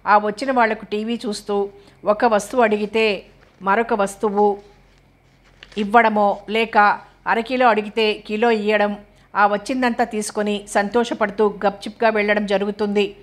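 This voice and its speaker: A woman's voice: medium pitch, little pitch movement, normal speed, natural voice. Exasperated shopkeeper husband, sarcastic, read by a woman narrator. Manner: scolding, sarcastic.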